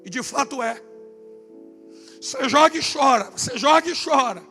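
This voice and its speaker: Brazilian male pastor, high voice, impassioned sermon, faint music behind; hushed to shouted. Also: animated, moderate pace. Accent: Brazilian Portuguese.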